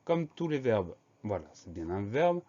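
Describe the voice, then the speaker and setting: A man teaching a spelling lesson, slowly and methodically spelling out words letter by letter. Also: on the low side, big pitch swings, warm tone, muffled recording.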